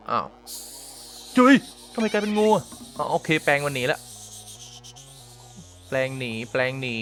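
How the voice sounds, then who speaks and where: A man giving excitable let's-play commentary, reacting with quick exclamations and repeating his words. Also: mid-range voice. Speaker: gameplay commentator.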